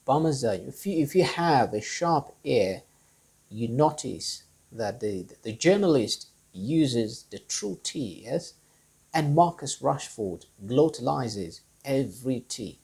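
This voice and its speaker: A man's voice: medium pitch, gravelly, darkish tone, slightly rough, poor audio. A man, an Amharic speaker, teaching English pronunciation and repeating example words one by one. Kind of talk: explanatory lesson.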